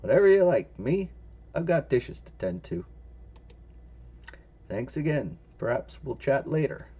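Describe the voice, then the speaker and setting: A man's voice: mid-range voice, sing-song, measured pace, mellow, husky, highs cut off. A man voicing a matter-of-fact, gossipy tavern keeper.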